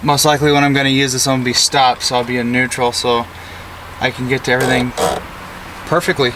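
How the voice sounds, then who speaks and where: Working on a DIY truck install, a young American vlogger talks fast and flatly in a mid-range voice, using casual, laid-back slang. He sits in the cab of his parked pickup with the door open, filmed by a camera an arm's length or more off. Road and vehicle sounds come through clearly from outside.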